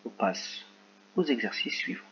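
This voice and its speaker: A man speaks slowly and deliberately as he guides young children through a phonics lesson. He dictates each word with careful, drawn-out articulation, at a medium pitch. The recording is dull and lo-fi, with a faint hum underneath. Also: very animated, a bit bright. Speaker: teacher.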